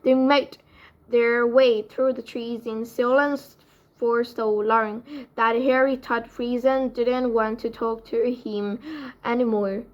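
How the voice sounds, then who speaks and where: A woman's voice: a little high, steady tone, slow pace, muffled recording. A woman reading a storybook aloud, carefully, with occasional slips and restarts. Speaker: reader.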